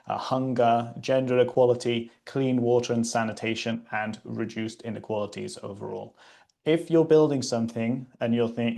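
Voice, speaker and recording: Host slot: British man, gravelly voice, loose and chatty delivery with lots of ums. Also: mid-range voice, darkish tone. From Britain. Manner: casual, chatty, many fillers and restarts. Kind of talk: livestream presentation.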